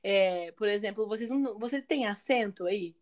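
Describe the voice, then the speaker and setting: A woman from Brazil who teaches languages, chatting casually on a podcast in a lively, talkative way. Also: medium pitch, normal speed. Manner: chatty, lively, often adds "né".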